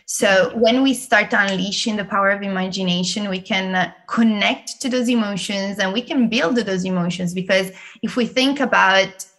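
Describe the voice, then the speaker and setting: A woman with an Italian accent, a guest in an interview, explaining learning techniques in a lively way and laughing often. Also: mid-range voice, normal speed. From Italy. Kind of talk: interview conversation.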